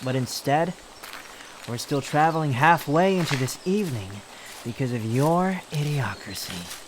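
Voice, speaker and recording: A man playing a sharp-tongued, haughty, youthful-looking immortal wanderer in a roleplay audio drama, speaking in a sardonic, theatrical, teasing way. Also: a little high, lively intonation, a little slow, background noise. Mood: bossy, sardonic. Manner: sardonic, scolding, theatrical delivery with sighs.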